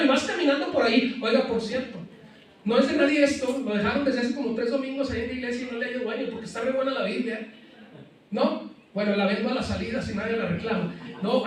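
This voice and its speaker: A man preaches from a pulpit in a very high voice that rings through a cavernous, echoing church. He picks up the sound from a distance and keeps throwing questions out to the congregation. Now and then he slips in playful asides between points. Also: a little hiss or hum. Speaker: pastor. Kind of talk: sermon. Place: church sanctuary. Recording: very echoey church hall, mic at a distance.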